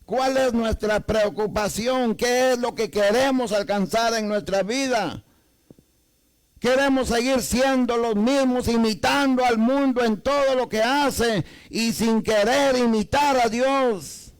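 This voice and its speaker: A man with a very high voice preaches slowly to a congregation in a Salvadoran Spanish accent, his tone clean though the recording is rough. He fires off rhetorical questions at the listeners and keeps repeating "amados hermanos."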